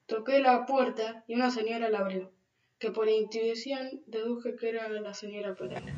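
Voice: medium pitch, steady tone, normal speed, highs cut off. A storyteller earnestly reading a first-person story aloud at an uneven pace. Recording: roomy, from far off, faint noise.

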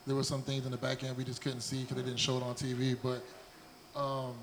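Man, American accent, medium pitch, informal talk-show guest chat, light background noise. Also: completely flat delivery, a little fast, poor audio. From New Jersey, US. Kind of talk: casual chat.

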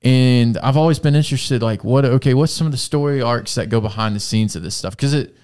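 A man's voice: medium pitch, a little fast, a little mellow, clean tone. A man in his twenties hosting a podcast, rambling and joking in casual chat and laughing often. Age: 20s. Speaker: podcast host.

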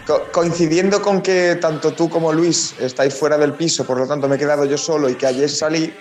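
A man's voice: a little high, steady tone, a little fast, darkish tone, slight background noise. A hungover man co-hosting a casual podcast over a video call, chatting playfully with the others. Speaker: podcast co-host.

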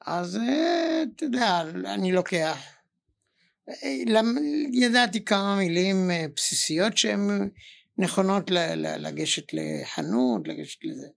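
Halting, gravelly older man. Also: sits high, expressive. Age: middle-aged or older. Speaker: guest, father of the host. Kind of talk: casual interview answers.

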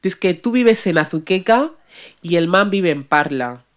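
A woman's voice: fairly low pitch, expressive, unhurried. A woman podcast host casually telling a personal story, chatty and slangy, dropping in English words.

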